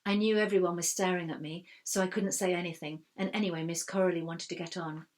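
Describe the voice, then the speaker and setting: A woman reading a first-person children's story aloud in a steady, expressive way. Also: fairly low pitch, fast. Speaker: reader.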